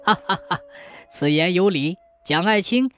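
A playful emperor with a mock-regal, laughing manner, put on by a woman storyteller. He speaks in a lowered voice that swings widely in pitch. The tone is greedy and teasing. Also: expressive, unhurried, soft background music. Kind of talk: storytelling with acted dialogue.

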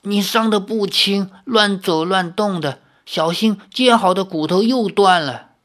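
A reader doing a caring old woman from a storybook, calm and unhurried. Her lines come slow and plain. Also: mid-range voice, pitched above the performer's own voice, lightly acted. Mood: cautioning.

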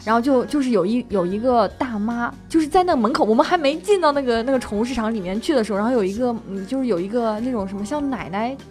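Quick-talking woman with a higher voice. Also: expressive, darkish tone, faint music behind. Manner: chatty, loosely told anecdotes. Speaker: radio show co-host. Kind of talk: casual chat.

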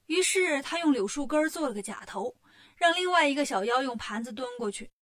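A woman narrating a children's story in a lively, colloquial way. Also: sits high, fairly quick.

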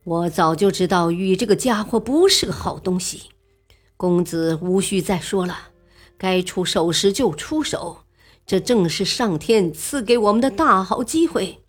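A woman voicing a mature male ruler who speaks in a measured, regal way in a storybook reading. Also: mid-range voice, breathy edge, faint music behind. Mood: resolute.

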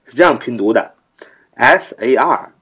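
A man hosting a vocabulary lesson, spelling letters slowly, repeating the word many times and using frequent filler sounds. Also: medium pitch, expressive, fairly bright tone, slightly rough. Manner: frequent filler "啊" between phrases. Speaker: English vocabulary teacher, podcast host. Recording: muffled lo-fi audio.

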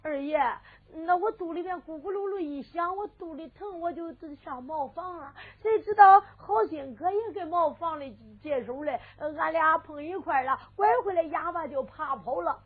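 A woman's voice: very high-pitched, moderate pace. A woman with a Henan accent voicing a timid, whining male inn servant who stammers and mumbles. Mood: scared. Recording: phone-like lo-fi with faint music.

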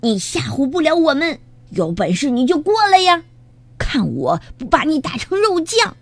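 Storybook little rooster, voiced by a woman: high, shouty, taunting. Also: sing-song, normal speed, dry recording. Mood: defiant. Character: angry boastful little rooster.

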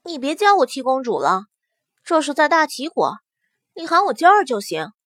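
A woman voicing a lively, innocent young princess who talks in a sweet, bubbly way. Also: sits high, normal speed, no echo, studio quality. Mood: cheerful.

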